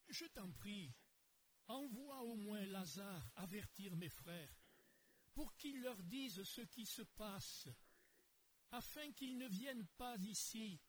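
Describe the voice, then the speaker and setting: An anguished rich man in torment cries out and pleads, as a man acts him out in a dramatized Bible story. His voice sits high and lurches widely in pitch. He stretches each plea slowly. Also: a little hiss or hum.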